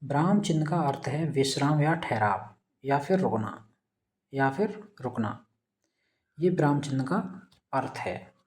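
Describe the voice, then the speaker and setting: A man's voice: mid-range voice, animated, unhurried, long pauses. A man teaching a recorded exam-prep lesson, posing his own quiz questions and answering them, repeating key points. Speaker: Hindi teacher.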